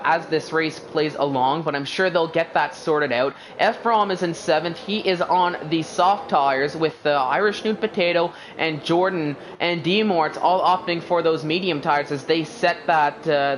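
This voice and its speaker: An upbeat, chatty man calling sim racing streams live, a native English speaker, uses a voice on the high side and plenty of filler words. He works as an esports racing commentator, keeping things loose, with background noise audible.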